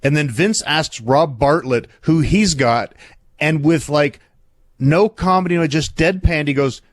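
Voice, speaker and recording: A man's voice: fairly high pitch, a little slow, no echo. A man in a casual podcast chat who explains background and recalls details.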